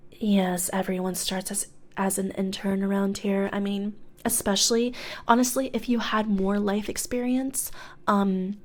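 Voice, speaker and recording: Her voice sits in the mid range, near an ordinary speaking voice, as she roleplays a breezy corporate recruiter for hell. The ASMR piece is soft-spoken, hesitant and chatty, frequently whispered, and captured up close on a studio condenser microphone.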